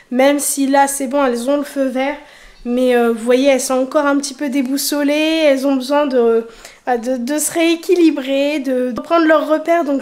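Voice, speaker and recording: High-pitched woman chatting casually to vlog viewers. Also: darkish tone. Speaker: family vlogger.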